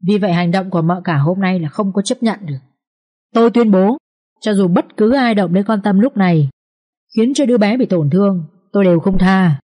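A woman's voice: mid-range voice, a little fast, dark tone, natural voice. A woman voicing the harsh, domineering matriarch of a wealthy family in a storybook reading, scolding and threatening her daughter-in-law in an imperious tone. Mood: stern.

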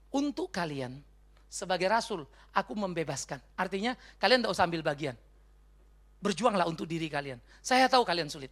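A middle-aged male pastor preaching a sermon, telling stories and acting out the voices in them, with English words mixed in. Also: high-pitched. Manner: animated, acts out voices in anecdotes, mixes in English words. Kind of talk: sermon with storytelling.

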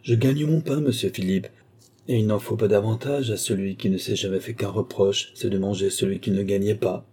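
A man's voice: fairly low pitch, steady tone, brisk, darkish tone, husky. A man voicing a proud, stoic young commoner who answers with defiance in an audiobook reading. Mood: defiant.

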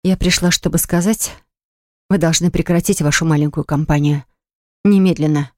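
A woman's voice: low voice, steady tone, normal speed, dark tone, no echo, clean studio sound, close to an everyday voice. A woman voicing an indignant young woman baker who speaks in a shaky, upset voice.

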